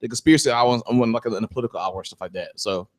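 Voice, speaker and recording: Chill giggly dude cohosting, bouncy pitch, just hanging out on a podcast. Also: male voice, lively intonation, rapid-fire. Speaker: podcast co-host. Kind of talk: casual comedy chat.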